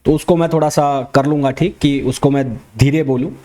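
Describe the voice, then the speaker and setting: A man with an Indian accent teaching a fast revision physics lecture, talking quickly and repeating key terms back as questions. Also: medium pitch, fairly even intonation, mellow. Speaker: physics educator.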